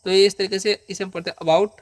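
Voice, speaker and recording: A man's voice: high voice, level tone. A man teaching English pronunciation rules in Hindi, patiently asking and answering his own questions and drawing out the example sounds. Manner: checks in with listeners with frequent "okay?" and "isn't it?"; slows down and stretches out example sounds. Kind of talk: Hindi-language pronunciation lesson.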